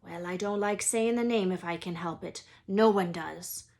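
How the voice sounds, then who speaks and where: A woman voicing a huge, gruff but good-hearted wizard man in a storybook, emotional and anxious, with folksy, halting speech and dropped word endings. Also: fairly low pitch, a little mellow, natural voice. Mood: grave, reluctant.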